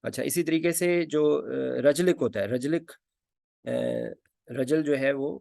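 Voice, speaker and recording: A male teacher talks through a casual lesson, stopping often to hesitate and repeat words. His voice has a gravelly fry to it. The recording is dry and close, and his voice drops off now and then as he turns away to write. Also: on the high side, unhurried, darkish tone, no echo. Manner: hesitant, many fillers, repeats key words. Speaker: anesthesia teacher. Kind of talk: informal spoken lesson.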